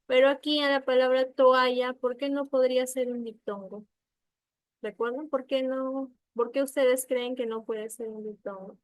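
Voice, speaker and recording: A woman teaching a primary school spelling lesson online, patient and slow, often checking that the students follow and sounding out words syllable by syllable. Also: fairly high pitch, dry recording. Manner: slow, patient, checks understanding with frequent questions. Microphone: computer mic on a video call.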